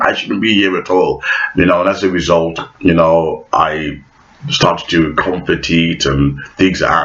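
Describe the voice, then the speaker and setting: A man's voice: deep voice, fairly bright tone, dull audio. A man vlogging a theatrical, mocking monologue to camera.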